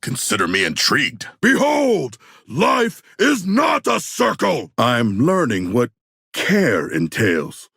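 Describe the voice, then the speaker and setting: A man playing a hulking, earnest shark warrior in a video game, speaking in stilted, grandiose, formal phrases with a gravelly, rough voice. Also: fairly high pitch, huge pitch swings, slow, sharp tone, no room sound, clean studio sound, heavily acted. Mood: bellowing, outraged, then pensive, formal. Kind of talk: video game character voice lines.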